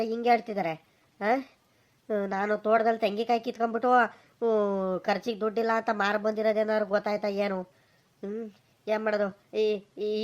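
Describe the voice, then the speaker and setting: Brief: anxious grown son voiced by a woman, rural Karnataka accent, hesitant and stammering, fairly high voice. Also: close to an everyday voice. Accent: rural Karnataka Kannada. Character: nervous grown son of a village family, evasive.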